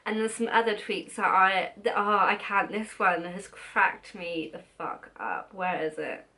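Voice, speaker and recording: A woman's voice: mid-range voice, a little slow, pushed and bright. A young British woman in her twenties chatting casually to camera as a vlogger, swearing freely and laughing at her own slips.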